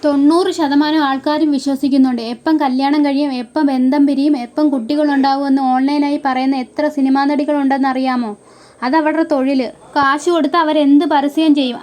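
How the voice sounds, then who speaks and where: A woman reading the lines of a stern male police officer who questions a family with probing skepticism, in her own high voice. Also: a little mellow, natural voice.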